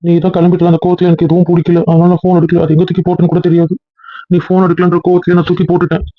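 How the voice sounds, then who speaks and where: Man, fairly high voice, monotone, quick, pleading, apologetic, dull dry recording. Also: no echo. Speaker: voice actor in an audio drama. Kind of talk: Tamil audio drama acting.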